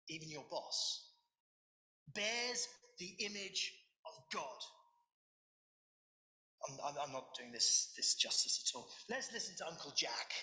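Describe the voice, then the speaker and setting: A man preaching a sermon, animated, with sudden loud emphasis and humorous asides. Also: on the high side. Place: church hall. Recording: echoey church room.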